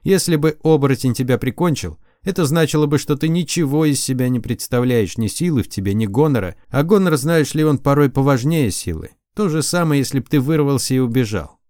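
A man reading an audiobook, voicing a stubborn, sharp-tongued young girl sorceress in a raised, teasing voice. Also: medium pitch, expressive, fairly quick, few pauses, no room sound, clean studio sound, pitched above the performer's own voice, close to an everyday voice. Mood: insistent. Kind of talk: audiobook character voice.

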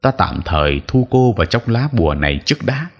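Old exorcist, deep voice, stern, commanding, formal, horror audiobook, a man reading. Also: very animated, a little fast. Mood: urgent.

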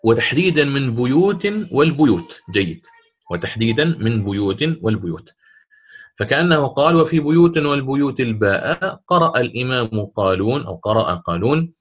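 A man teaches a recitation lesson at an ordinary pitch. He explains step by step, quizzes his students and slows down to chant the verses he uses as examples. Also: a bit bright.

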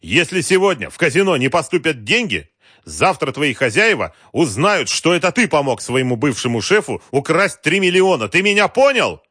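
A man voicing a furious, abusive crime boss who shouts threats. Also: mid-range voice, sing-song, moderate pace, no echo, clean studio sound, pitched above the performer's own voice. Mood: raging.

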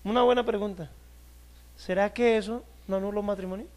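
A male pastor preaching a sermon, emphatic, stretching key words and swinging between loud and soft. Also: high voice, steady tone, brisk.

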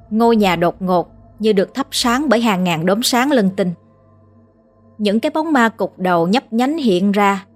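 A woman telling a horror story in a steady, dramatic storytelling manner. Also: mid-range voice. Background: faint music.

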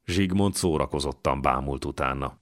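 A man narrating a historical novel as an audiobook, in a steady, measured manner. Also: extremely low pitch.

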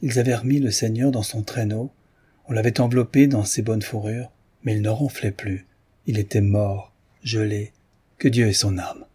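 A man reading the part of a gruff, dying old peasant confessing a crime he witnessed, in an audiobook. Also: lowish voice, dark tone.

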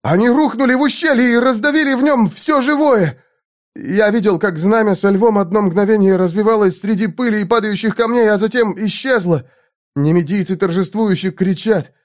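A man doing a frantic young squire, high and shouting. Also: expressive, normal speed.

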